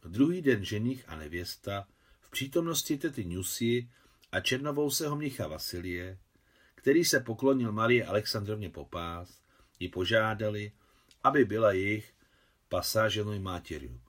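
A man reads a novel aloud as its translator, narrating in an expressive literary style. His pitch moves a lot across each sentence. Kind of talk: audiobook narration.

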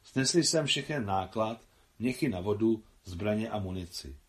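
A man reads a novel aloud in a steady audiobook narration. His voice sits low, and he takes his time with frequent pauses. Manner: measured, unhurried reading with frequent pauses. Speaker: translator reading his own translation.

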